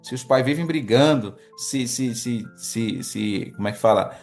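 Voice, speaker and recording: A man's voice: medium pitch, a little slow, a little mellow, soft background music. A man, a pastor giving an earnest teaching sermon on a livestream, reading from a book and asking his listeners questions. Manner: earnest, addresses listeners as brothers, asks the audience questions. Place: online livestream with chat.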